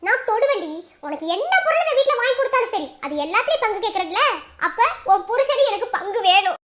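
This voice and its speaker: A woman's voice: very high-pitched, very animated, slight background noise. A woman doing a cheeky, teasing sister-in-law. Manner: teasing, bickering, quick and giggly. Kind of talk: amateur cartoon voice acting.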